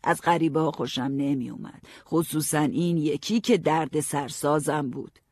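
A man narrating a story in the first person, calm storytelling. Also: on the high side, no echo. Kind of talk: audiobook narration.

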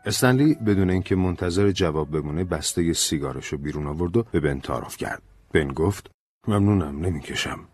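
A man narrating an audiobook in a calm, measured storytelling manner. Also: deep voice, slightly rough, no echo.

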